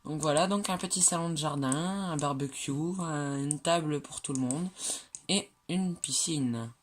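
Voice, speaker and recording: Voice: mid-range voice, measured pace. A speaker casually narrating a walkthrough of their own game builds, hesitant, with many fillers and self-corrections, joking about their own slips. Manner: chatty, jokes at own slips. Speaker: game creator showing builds.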